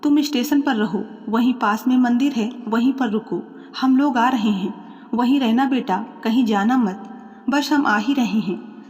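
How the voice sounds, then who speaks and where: Anxious, tender storybook mother, raised pitch, long reverb, voiced by a woman narrator. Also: unhurried, a little mellow, lo-fi sound, faint music behind, close to an everyday voice. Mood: urgent. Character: worried loving middle-aged mother.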